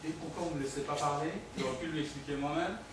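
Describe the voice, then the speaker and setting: An actor playing a nervous ex-convict posing as a priest, hesitant and stammering. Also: male voice, fairly high pitch, steady tone, fast, distant mic, lightly acted. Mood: bumbling. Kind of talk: stage comedy acting. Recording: echoey stage heard from afar, noise.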